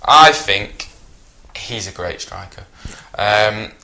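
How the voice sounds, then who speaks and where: Bright-voiced joking man. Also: lowish voice, expressive, slow pace, vocal fry. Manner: joking, banters and teases his co-host. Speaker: football channel co-host. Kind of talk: casual football chat.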